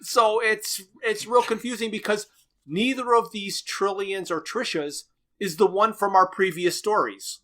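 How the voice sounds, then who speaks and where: This podcast co-host has a high, bright voice with a forceful edge, holding a steady tone at a measured pace. In casual conversation he analyzes a radio series, retelling the plot in detail and laughing frequently.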